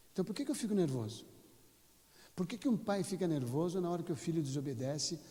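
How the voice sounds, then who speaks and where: A man preaching a sermon as pastor, telling stories and acting out dialogue with sudden loud bursts. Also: on the high side. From Brazil. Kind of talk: sermon with storytelling. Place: church hall. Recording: church hall reverb.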